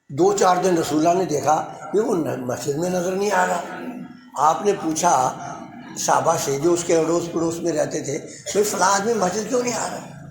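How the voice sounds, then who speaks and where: High-voiced male preacher in an echoing mosque. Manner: animated storytelling with quoted dialogue, Quranic recitation. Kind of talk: Friday sermon. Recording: echoey room.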